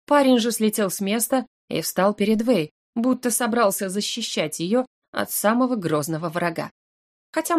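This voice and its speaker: Woman audiobook narrator, expressive first-person storytelling. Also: medium pitch.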